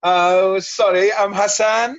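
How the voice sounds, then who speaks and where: A man from Syria with a Syrian Arabic accent, talking on a video call in halting, simple English with lots of repeated words, tired and thirsty from fasting. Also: high voice, steady tone, a bit bright, highs cut off, soft background music. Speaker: guest. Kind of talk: casual chat on a video call.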